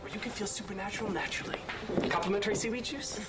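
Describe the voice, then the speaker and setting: A man's voice: high-pitched, racing, recorded from a distance, heavy background noise, close to an everyday voice. A man playing a courteous spa receptionist in a sitcom, with polished sales patter. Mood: courteous, promotional. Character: smooth-talking, courteous spa receptionist for supernatural guests. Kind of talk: sitcom acting.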